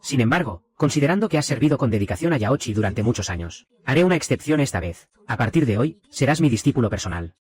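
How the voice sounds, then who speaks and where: Haughty ancient empress, read by a man in his own voice; commanding, fast. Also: medium pitch, expressive, darkish tone, lightly acted. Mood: imperious. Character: proud ancient female empress, imperious.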